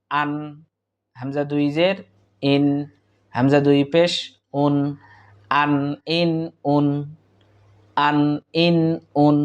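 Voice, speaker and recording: A man's voice: mid-range voice, darkish tone. A man teaching Quran reading, patiently drilling each sound in repeated patterns. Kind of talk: slow spelled-out recitation lesson.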